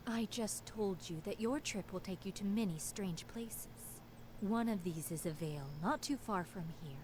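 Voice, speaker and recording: An actress playing a solemn, cryptic fortune teller in a video game, delivering theatrical prophecies. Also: female voice, medium pitch, moderate pace, a little mellow, a little hiss or hum, natural voice. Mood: cryptic, measured. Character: solemn, cryptic fortune-telling seer woman. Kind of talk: dramatic game voice acting.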